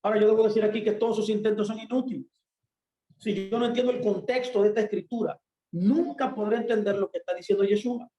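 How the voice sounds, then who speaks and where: High-voiced emphatic male preacher, echoey room. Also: fairly even intonation, fast, mellow, lo-fi sound. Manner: emphatic, asks and answers himself. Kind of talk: sermon.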